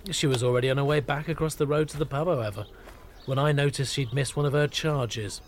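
A man giving a scripted comic narration in a deadpan, mock-pompous manner. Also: mid-range voice, brisk, background noise. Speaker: narrator of a comic pub review.

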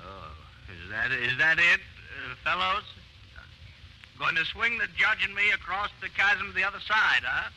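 A nervous, blustering middle-aged crook in a 1950s radio drama, with a sharp, high voice that leaps wildly up and down. He stammers when scared. The sound is an old radio broadcast with faint hiss. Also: animated, a little slow, exaggerated voice. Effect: noisy old 1950s radio broadcast.

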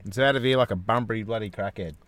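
A man's voice: lowish voice, fast talker, a bit bright. Cheeky Australian man, casual podcast host. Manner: cheeky, sweary, storytelling. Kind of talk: casual bantering chat.

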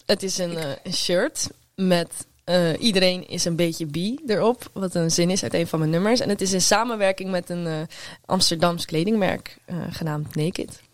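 Een vrouwelijke popartiest die als gast in een podcast levendig en met veel stopwoordjes over haar muziek vertelt. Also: female voice, lowish voice, moderate pace, hardly any pauses, dry recording. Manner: energetic, chatty, many fillers. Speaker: guest musician. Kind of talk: podcast interview. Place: studio at a table.

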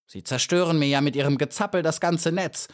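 A croaky old spider lady from a storybook, sly and scheming, as a man narrator puts her on. She speaks in a raised, croaking voice with false politeness. Her tone turns mocking. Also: fairly high pitch, fairly quick, pitched above the performer's own voice, close to an everyday voice.

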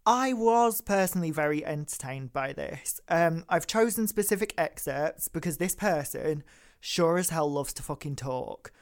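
A woman co-hosting a casual political chat podcast, chatty and sweary, quick to laugh. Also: low-pitched, lively intonation. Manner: chatty, sweary, laughs easily, lots of fillers. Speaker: podcast co-host.

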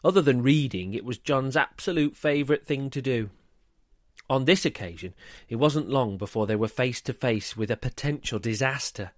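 A man narrating a rhyming children's story in a lively, expressive way. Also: medium pitch, moderate pace, no room sound, clean studio sound.

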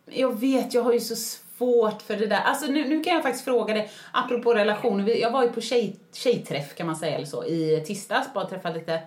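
A woman's voice: mid-range voice, animated, few pauses, echoey room. A woman co-hosting a podcast in casual chat, chatty and self-mocking, laughing often. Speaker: podcast co-host.

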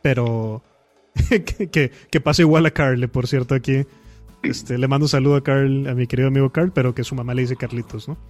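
A man's voice: mid-range voice, steady tone, fairly quick, darkish tone, soft background music. A man, a podcast guest and author, talking casually with slang and many fillers.

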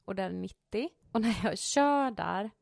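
A woman co-hosting a casual chat podcast, telling stories in an animated way and acting out quotes in a squealing high voice, laughing often. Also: vocal fry, no echo, clean studio sound. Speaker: podcast co-host.

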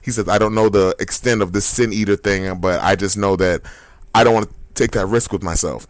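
A man co-hosting a podcast, chatting casually about comics and reacting with animated, high-pitched disbelief. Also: a little fast, no room sound. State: hiccups. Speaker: podcast co-host. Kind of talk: casual comic book chat.

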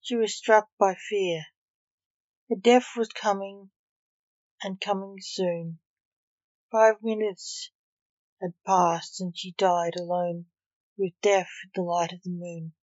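A woman reads a story aloud at a slow, measured pace. The recording is dry and close, and a bit dull in tone. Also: mid-range voice, steady tone, a little mellow, no echo. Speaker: narrator. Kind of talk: story reading.

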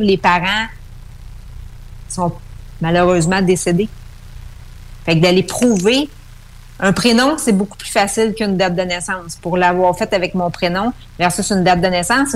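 A woman with a Québécois accent, calling in over the phone as a radio guest and explaining at length with fillers and restarts. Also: mid-range voice. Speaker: numerology guest.

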